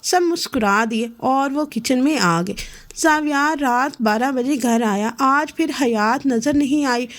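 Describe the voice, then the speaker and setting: A woman narrating a romance novel aloud in a steady, expressive reading. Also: high-pitched. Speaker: novel reader.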